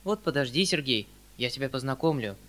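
A man voicing a flustered, kindly old country landowner who talks in a hurried, fussy, pleading way. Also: mid-range voice, lively intonation, fairly bright tone, natural voice.

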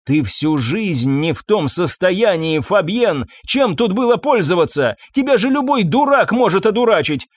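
A man's voice: sits high, big pitch swings, normal speed, hardly any pauses, no room sound, clean studio sound, pitched above the performer's own voice. A man playing a scornful lady of the house. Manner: scornful, cutting. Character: cold, contemptuous aristocratic wife.

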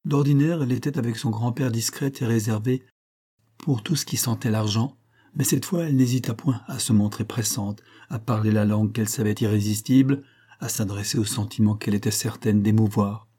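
A man narrating a classic novel as an audiobook in a measured, even reading. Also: fairly low pitch. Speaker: audiobook reader.

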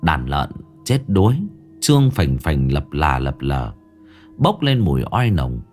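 A man narrating a ghost story in a grave, expressive storytelling voice. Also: very deep voice, unhurried, faint music behind.

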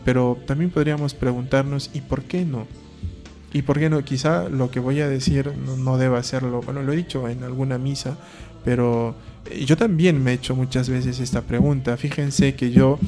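A man's voice: medium pitch, steady tone, normal speed, dark tone, faint music behind. A man, a priest giving a conversational talk on faith, asking rhetorical questions and acting out short dialogues. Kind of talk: conversational preaching.

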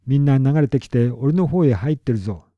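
A man voicing an angry neighbor farmer who shouts his complaints, on a dull lo-fi recording. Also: mid-range voice, animated, fairly quick, dry recording, close to an everyday voice.

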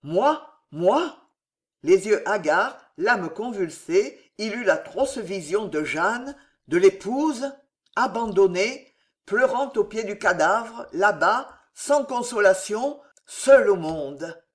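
A narrator reading a novel aloud in a measured, dramatic way. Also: mid-range voice, animated.

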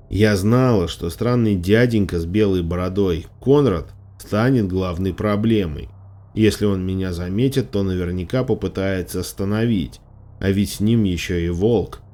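A man narrating an audiobook in a measured, even storytelling manner. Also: sits low. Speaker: audiobook reader. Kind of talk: scripted narration.

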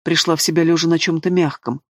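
A man reading a fantasy novel aloud in a steady, expressive narration. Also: a little high, fast talker, no room sound, clean studio sound. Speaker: audiobook reader.

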